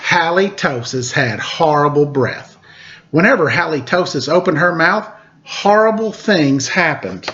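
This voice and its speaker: Lively intonation and a slightly bright, higher-than-average voice mark this man's story-time reading of a picture book. He goes slowly and playfully, stopping for casual asides about the pictures, and the sound is lo-fi.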